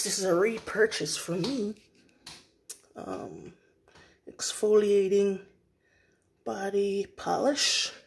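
A woman showing off her grocery haul in a casual vlog from her kitchen, unhurried and pausing often with "um". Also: mid-range voice. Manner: unhurried, with frequent pauses and "um" fillers. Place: home kitchen, indoors. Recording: packaging noise over the voice. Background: crinkling plastic packaging.

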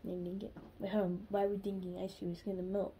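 A woman's voice: medium pitch, little pitch movement, a little fast, a crowd in the background, poor audio. A woman co-hosting a casual snack-tasting video, chatty and rambling as she searches for words. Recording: home video with clear background hiss.

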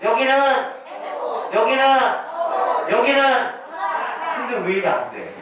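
A man's voice: very high-pitched, wildly swooping pitch, takes it slowly, over a noisy crowd. A man leading a clapping game for older women, chanting rhythmic calls and teasing them playfully. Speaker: senior recreation instructor. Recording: very echoey room, far from the mic, noisy.

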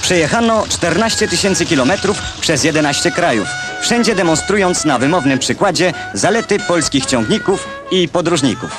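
Lively old newsreel narrator, man. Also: a little high, normal speed, few pauses. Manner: wry, ironic commentary. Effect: old newsreel recording. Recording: old newsreel over clear music.

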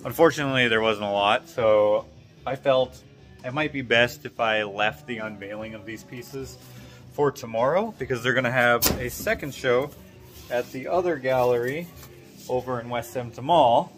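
A man's voice: mid-range voice, normal speed, fairly bright tone, soft background music. A young man vlogging casually at an art gallery show, talking upbeat into a handheld phone camera. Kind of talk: casual vlog chat. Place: busy indoor art gallery in a mall. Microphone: phone camera held at arm's length.

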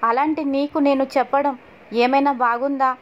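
A woman voicing a calm, comforting older sister figure who gives reassuring advice. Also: high voice, normal speed, natural voice. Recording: dull lo-fi audio.

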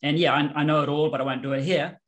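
Speaking at a quick pace in a voice on the high side, this forties-aged guest on a headset video call has a softened New Zealand accent. His casual chat is animated and explanatory.

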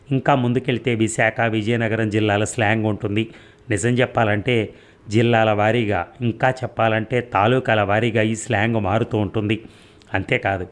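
A man's voice: fairly low pitch, close to an everyday voice. A man voicing an earnest man who explains at length in a lecturing way in an audio story.

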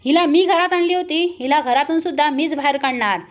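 A woman's voice: sits high, a little fast, lightly acted. A woman voicing an angry, domineering mother-in-law who scolds harshly, read within a story recap. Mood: furious.

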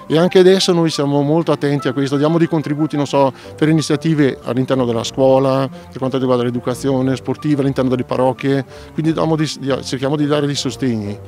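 A middle-aged man with a Trentino Italian accent explaining things in a measured way during an outdoor interview by a lake, speaking into a handheld mic. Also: medium pitch, steady tone, darkish tone, soft background music. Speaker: local commons committee representative. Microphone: handheld mic close up.

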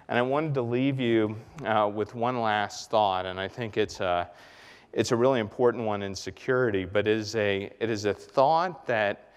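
A middle-aged man from the Bahamas giving an animated keynote talk on a conference stage, pacing and gesturing as he speaks. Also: medium pitch, smooth. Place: large conference hall stage. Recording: reverberant hall.

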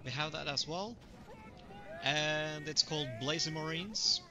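A man's voice: fairly high pitch, measured pace, background noise. A man streaming a strategy game, chatting casually with viewers as he plays. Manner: relaxed, chatty, greets viewers. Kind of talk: live gaming commentary.

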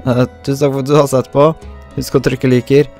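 A man's voice: mid-range voice, little pitch movement, a little mellow. A young man giving casual, self-mocking commentary while he plays a video game, throwing in English slang. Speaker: gaming YouTuber. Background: faint game music.

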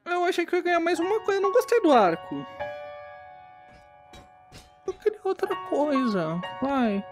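A woman giving casual, excitable gameplay commentary as a gaming YouTuber, playfully talking back to the characters on screen. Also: very high-pitched, moderate pace, long pauses, soft background music.

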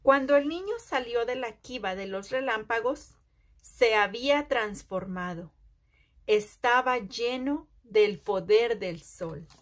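A woman reading a children's picture book aloud, phrase by phrase with deliberate pauses. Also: fairly high pitch, expressive. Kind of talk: slow read-aloud storytelling for children.

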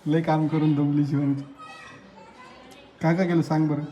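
A chatty man hosts a casual family vlog, talking straight to his viewers in a slightly higher voice. He teases his family in an easygoing, lively way. A faint hum of noise sits behind him. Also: normal speed, muffled recording. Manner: chatty, teasing, addresses viewers directly. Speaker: family vlogger host. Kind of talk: casual home vlog chat.

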